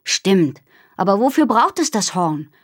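A woman's voice: mid-range voice, very animated, measured pace, husky, no echo. A woman voicing a sarcastic young girl. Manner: dry, sarcastic.

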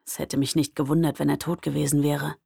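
A young woman narrating a first-person audiobook in a lively, expressive way. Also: deep voice, fairly quick, creaky, husky, no echo, clean studio sound.

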